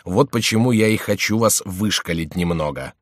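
A man voicing a mocking twenty-five-year-old nobleman who speaks slowly and deliberately in an audiobook. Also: lowish voice, a bit bright, dry recording, studio quality, close to an everyday voice. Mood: sardonic. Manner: slow, deliberate, sardonic.

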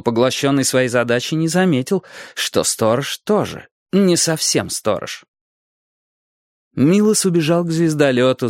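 An audiobook narrator with a mid-range voice reads a scripted children's adventure story aloud in a steady, even storytelling manner. He's recorded in studio quality, dry and clean.

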